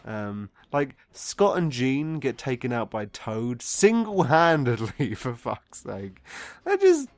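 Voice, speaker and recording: A drunk man gives a casual, comedic film review, rambling off script, exasperated and swearing often as he gets drunker and loses his thread. His medium-pitched voice is expressive and slow, with hardly any pauses.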